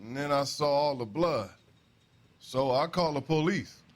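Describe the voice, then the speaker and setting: Game role: male actor as defensive, folksy American rail worker witness, plain talker, fairly high voice. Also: normal speed, lightly acted. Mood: casual, cooperative. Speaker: witness being questioned. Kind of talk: acted crime drama dialogue.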